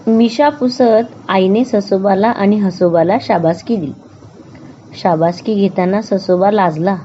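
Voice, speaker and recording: A woman reading a children's book aloud with expressive, deliberate storytelling. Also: mid-range voice, muffled recording, slight background noise.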